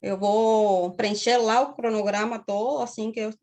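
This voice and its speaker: Lecturing a university class on a video call, a Cuban woman in her thirties speaks with a Cuban Spanish accent. Her slightly high voice has a darkish tone, fairly even intonation and normal speed. She explains steadily, often checks in with students, and tends to tag phrases with "né?".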